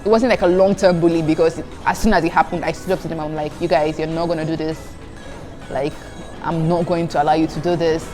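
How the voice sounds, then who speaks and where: Talking fast in a lowish, dark-toned voice with fairly even intonation, a young Nigerian woman who first spoke Igbo answers viewer questions on her student vlog. Background music runs under her casual, chatty talk, and she giggles between answers while calling viewers "guys."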